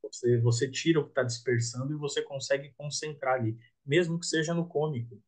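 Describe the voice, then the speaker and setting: A man with a husky, slightly breathy voice, speaking as a podcast guest. He thinks out loud in a relaxed, reflective way and keeps checking in with his listener. His pitch sits in an ordinary middle range. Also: a little fast. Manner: reflective, tags thoughts with 'né?'. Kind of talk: casual podcast conversation.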